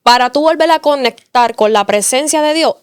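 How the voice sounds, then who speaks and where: A woman's voice: sits high, moderate pace, clear, resonant tone, no room sound, studio quality. Earnest woman giving a faith testimony. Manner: earnest, storytelling, repeats phrases for emphasis. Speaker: interview guest giving testimony.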